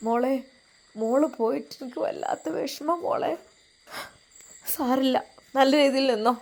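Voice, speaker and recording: A woman's voice: sits high, measured pace, a little mellow. A protective mother pleads and soothes in a raised, strained voice, as a woman storyteller puts her on. Her words come out tender and urgent. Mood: soothing. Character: tearful, protective middle-aged mother.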